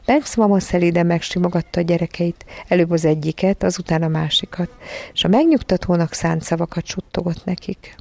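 A woman narrating a children's novel as an audiobook in a calm, even storytelling manner. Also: lowish voice, vocal fry, no echo.

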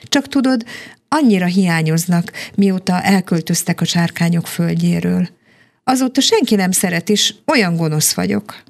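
A woman voicing a grumpy, lonely male dragon in a children's story, with a low, gravelly voice that snaps angrily. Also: expressive. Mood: tearful. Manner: snapping, then tearful and grateful.

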